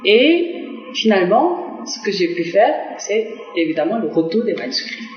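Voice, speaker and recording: Faint music sits behind a middle-aged Korean diplomat as she answers a TV interviewer in a sing-song, mid-range voice. She pauses frequently, says "euh" to fill gaps and restarts phrases. The audio is roomy and dull, like an old lo-fi broadcast.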